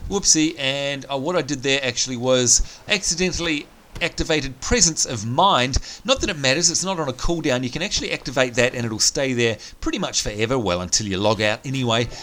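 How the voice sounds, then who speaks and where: Though his voice is strained and almost gone, this let's play host sounds bright and forceful in a mid-range pitch. He chats upbeat through the gameplay, thinking aloud as he plays. Game sounds and music play in the background.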